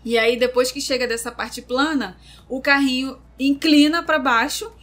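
High-voiced woman describing vividly. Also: fairly even intonation, moderate pace, fairly bright tone. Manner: vivid describer with sound effects and repetition. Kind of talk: casual chat.

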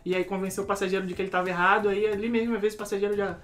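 Fast-talking man, lively storyteller. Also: sits high, faint music behind. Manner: lively storyteller, acts out scenes. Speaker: former airport security worker telling stories. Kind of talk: casual podcast chat.

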